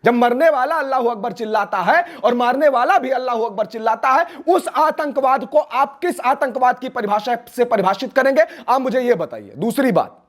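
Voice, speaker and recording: A man with an Awadhi Hindi accent speaks with great heat as an interview guest. He declaims and fires off rhetorical questions. His voice sits very high for a man. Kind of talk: impassioned interview answers.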